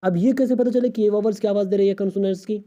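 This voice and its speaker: A man's voice: high voice, steady tone, mellow, lo-fi sound. A male English teacher giving a recorded grammar lesson, explaining step by step and asking rhetorical questions of his student.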